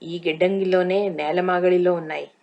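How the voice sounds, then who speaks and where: Woman narrator as meek captured guard, plain answers, lowish voice. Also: steady tone, moderate pace, warm tone, dull audio, close to an everyday voice. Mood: compliant. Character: captured male guard, nervous and compliant.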